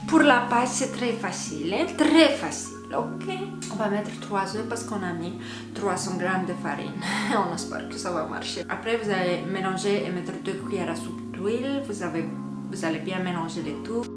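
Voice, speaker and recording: A cooking vlogger with a mid-range voice, speaking at normal speed, jokes at her own expense in a playful manner while making a video in her home kitchen. Background music plays in the echoey room.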